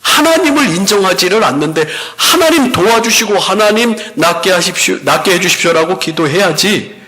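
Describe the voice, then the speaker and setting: Bright, animated male pastor preaching. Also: sits high, fairly quick. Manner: animated preaching, retelling a story with acted quotes; leads the congregation in repeating prayers. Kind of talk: sermon.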